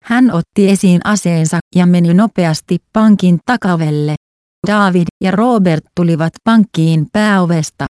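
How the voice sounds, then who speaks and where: A woman narrating a story aloud at a steady, unhurried pace, giving the characters their own voices. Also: lowish voice, dry recording, clean studio sound.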